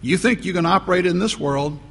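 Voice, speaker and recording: A man's voice: high voice, a little fast, gravelly, a bit bright, husky. A man preaching a sermon as pastor, talking conversationally and repeating phrases for emphasis. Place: church. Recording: long church reverb, faint noise.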